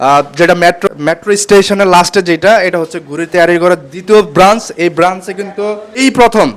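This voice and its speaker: Excited fast-talking man. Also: high-pitched. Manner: excited, repetitive, chatty. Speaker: vlogger. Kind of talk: casual vlog, addressing viewers.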